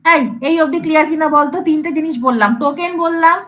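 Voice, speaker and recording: A woman's voice: high voice, fast talker, fairly bright tone, low-quality recording. A woman lecturer teaching a class, repeating example words and checking whether her students follow, with English terms mixed into her speech. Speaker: computer science lecturer.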